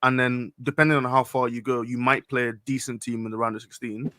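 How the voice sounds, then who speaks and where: A man's voice: mid-range voice, flat delivery, fast, sharp tone, no room sound. A man aged twenty in casual chat about football, skeptical and questioning, hedging with like. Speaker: podcast co-host.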